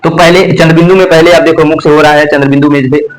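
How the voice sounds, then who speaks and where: A man's voice: on the high side, steady tone, fast talker, soft background music, rough recording. A man teaching Hindi grammar, repeating terms and asking and answering his own questions as he drills pronunciation. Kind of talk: classroom lesson.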